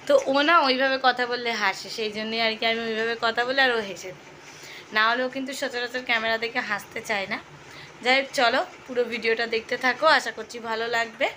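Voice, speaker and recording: A woman's voice: fairly high pitch, fairly even intonation, fast, sharp tone, slight background noise. A young woman chatting casually to her viewers in a daily home vlog, filmed on a phone. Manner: chatty, addresses viewers directly. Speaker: vlogger. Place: at home indoors. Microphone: phone camera held by hand.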